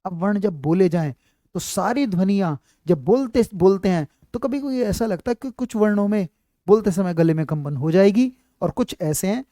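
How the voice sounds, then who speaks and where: Warm-toned and sitting high, this man's voice moves at normal speed in a dry, studio-quality recording. He teaches Hindi letters and sounds at a board in a live online class, repeating often, checking over and over that students understand, and fondly addressing them as child.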